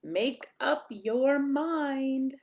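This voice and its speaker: In a high voice, a woman reads a picture book aloud to a group of children, her tone sing-song and full of expression. She leans on emphatic pauses and slips in small asides to the little ones.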